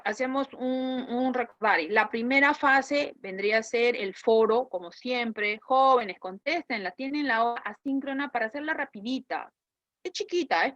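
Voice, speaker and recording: A woman with a fairly high, slightly bright voice teaches a lesson in an online class, speaking with a Peruvian Spanish accent. She explains as she goes, asks her students questions and checks in with "¿correcto?". The recording has no echo, and the highs are cut off.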